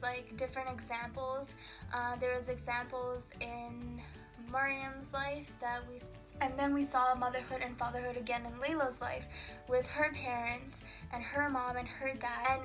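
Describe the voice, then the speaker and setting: A woman from Pakistan giving an informal book review, with frequent fillers and pauses. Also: high voice. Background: background music.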